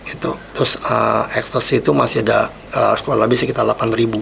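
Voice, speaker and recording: A man's voice: medium pitch, level tone, fast, gravelly, a bit bright, slight background noise. A man telling his personal testimony as a podcast guest, reflective and replaying his own past words.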